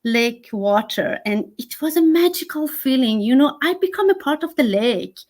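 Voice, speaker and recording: A woman in her thirties from Iran with an Iranian accent, speaking English as a guest in an interview, earnest and halting with many fillers. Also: high-pitched, lively intonation, darkish tone. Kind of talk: interview conversation.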